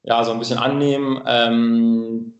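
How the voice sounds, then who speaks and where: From Cambridge, England, a native English speaker with an English accent appears as a podcast guest and company spokesman in a casual interview. He talks hesitantly, searching for words, in a flat, mid-range voice at a measured pace. The remote connection sounds roomy and echoing, and the recording is muffled.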